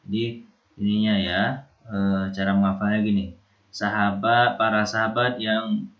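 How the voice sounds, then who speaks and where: A man teaching an Islamic studies lesson, repeating and drilling terms and checking in with his students as he goes. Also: lowish voice. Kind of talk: recorded lesson. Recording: echoey, dull lo-fi recording.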